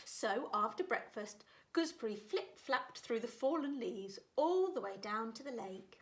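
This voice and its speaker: Slow, lively woman reading a picture book. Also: fairly high pitch, slight background noise. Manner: animated, slow, expressive. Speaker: storyteller. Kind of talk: children's picture book read-aloud.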